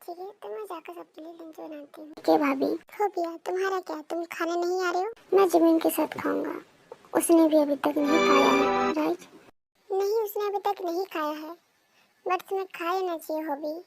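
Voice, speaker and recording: A woman's voice: very high voice, steady tone, moderate pace, vocal fry, faint music behind, rough recording. A woman reading a storybook, voicing a caring, bossy older sister-in-law with a firm, motherly manner. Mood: gentle.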